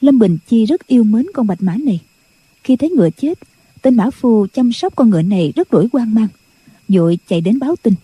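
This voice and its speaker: A woman's voice: fairly high pitch, brisk, slightly rough, no room sound. A woman narrating a martial arts novel as an audiobook, telling the story evenly and voicing the characters. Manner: even storytelling delivery with voiced character lines. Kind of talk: scripted narration.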